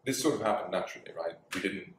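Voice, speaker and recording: In a relaxed conversational interview, a deep-voiced man in his forties talks at a quick pace about owning a bar and dojo, laughing often and using plenty of fillers. He sits in a small bar whose walls are signed, recorded from a distance by a far camera, so the room sounds echoey.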